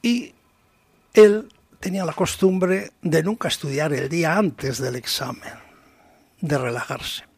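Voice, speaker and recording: Man with a dry studio voice, a bit high. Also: takes it slowly, darkish tone, breathy edge, dry recording. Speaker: radio section presenter on the paranormal. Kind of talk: radio storytelling.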